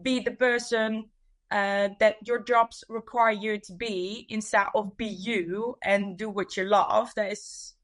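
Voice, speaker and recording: A young Dutch woman with a Dutch accent chats casually as an interview guest on a podcast, where she appears as a women's coach. Her mid-range voice is steady in tone and she takes her time.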